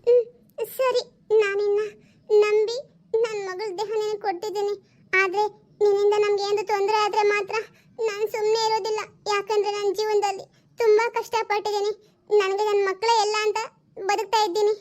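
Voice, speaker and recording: Woman doing anxious tearful mother, very high pitch, pleading. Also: level tone, brisk, a little mellow. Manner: pleading and tearful, often sobbing. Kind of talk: home-made family drama.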